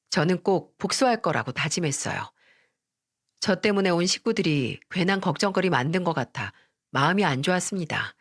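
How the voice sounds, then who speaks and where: A woman reading a first-person story in steady, scripted narration. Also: on the low side, dry recording, studio quality.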